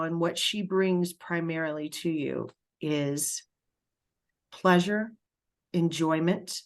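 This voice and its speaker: Low-voiced woman medium giving a reading. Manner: halting, emotional, many fillers and pauses. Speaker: spiritual medium. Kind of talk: spiritual reading session.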